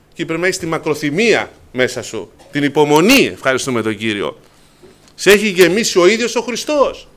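A man preaching a sermon to his congregation, addressing them as brothers, with rising passion at the high points. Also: a bit bright.

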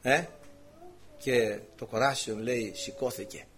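A man's voice: mid-range voice, fairly even intonation, fairly bright tone, a little hiss or hum. A man preaching a sermon with passion. He asks the congregation rhetorical questions and keeps calling them brothers. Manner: impassioned, rhetorical questions, often addresses listeners as brothers.

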